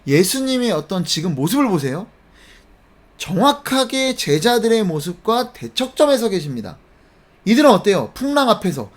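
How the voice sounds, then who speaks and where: A man from South Korea, a pastor giving a sermon who keeps asking his listeners questions and answering them himself. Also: high voice. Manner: animated, asks the listeners many questions.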